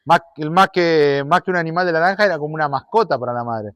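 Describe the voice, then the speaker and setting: A man preaching a sermon and telling a story, animated, shifting between loud and soft. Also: fairly high pitch, quick pace, smooth, no echo.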